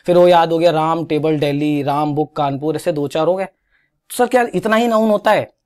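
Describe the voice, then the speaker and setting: Animated Indian man teaching grammar. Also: on the high side, normal speed. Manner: animated, coaxing, drills pronunciation with repetition. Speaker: English teacher. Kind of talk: exam-prep grammar lesson.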